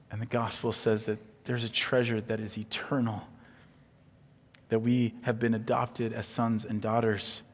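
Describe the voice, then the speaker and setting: A man delivers an evening sermon with earnest conviction, his pitch sitting in an ordinary middle range. He builds up loud and high when retelling scripture, then settles into a soft, low delivery. The sound carries a long hall reverb, as in a church. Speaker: preacher.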